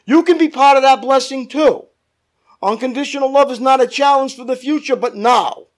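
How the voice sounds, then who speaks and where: High-pitched male preacher giving a sermon. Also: moderate pace. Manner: calls for amens from listeners. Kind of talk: church sermon.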